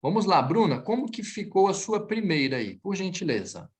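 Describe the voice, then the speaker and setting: Animated man teaching French. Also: sits high, a little hiss or hum. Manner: lively, switches between Portuguese and French, slows to model phrases. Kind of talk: online class correcting students.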